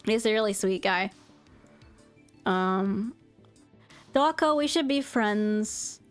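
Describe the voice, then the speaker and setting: A woman's voice: mid-range voice, animated, takes it slowly, soft background music. A woman streamer chatting casually and rambling, with lots of fillers and restarts. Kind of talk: casual chat recounting a convention.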